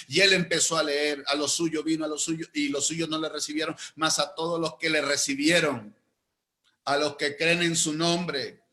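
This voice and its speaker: A male pastor delivers a storytelling sermon with a bright, forceful voice pitched a little high. He rises to loud, emphatic peaks, then drops to slow, low phrases.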